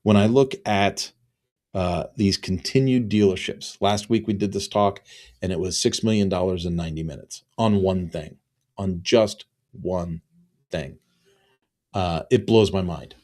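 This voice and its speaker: Man in his fifties, low-pitched, earnest, repeats himself for emphasis, solo consultant talk. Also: unhurried, darkish tone. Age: 50s. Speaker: business consultant and trainer. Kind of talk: solo promotional talk to camera.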